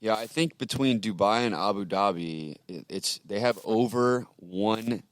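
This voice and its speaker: Low-voiced man chatting loosely. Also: a little slow, no echo. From Texas. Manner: loose, filler-heavy talk full of "you know" and "like". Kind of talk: casual conversation.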